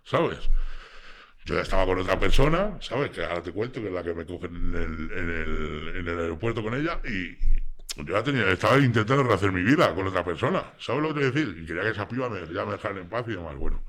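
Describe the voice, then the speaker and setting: A man with a very low voice and a Spain Spanish accent tells his own story as a podcast guest. He rambles casually and keeps checking that the listener is following him. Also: animated, fast, fairly bright tone. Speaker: guest, former drug trafficker.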